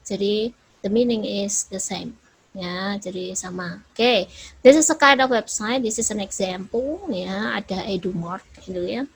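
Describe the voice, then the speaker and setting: An Indonesian woman teacher gives a relaxed lecture, switching easily between explanation and examples. Her voice is gravelly with a husky edge. She keeps the talk loose and conversational, tagging her sentences with little checks. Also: mid-range voice, measured pace, low-quality recording. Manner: chatty, repeats "ya" and "gitu kan" as tags. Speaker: English teacher. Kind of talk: lecture mixing Indonesian and English.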